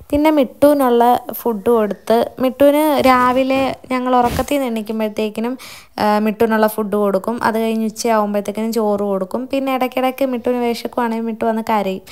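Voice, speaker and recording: A woman's voice: fairly high pitch, darkish tone. A woman chatting casually in a day-in-my-life vlog, adding friendly tags to her sentences. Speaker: vlogger.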